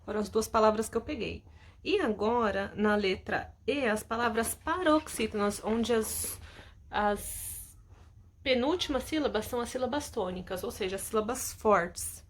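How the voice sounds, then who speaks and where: Patient woman teacher, slightly high voice. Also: a little slow. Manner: explains patiently, keeps asking "tá?". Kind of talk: recorded lesson correcting homework.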